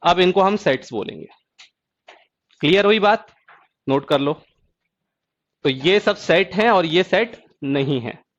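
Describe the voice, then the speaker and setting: A man teaching an exam-prep math lecture who keeps asking students if the point is clear and drawls key terms slowly. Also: high voice, animated, highs cut off. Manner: asks students check questions.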